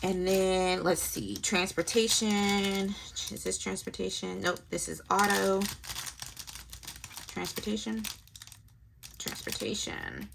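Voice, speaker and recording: With a fairly low, creaky voice, a young woman narrates her planner setup at a measured pace and a steady tone, leaving long pauses. She casually talks through her budget planner, thinking aloud and muttering numbers. There's background noise.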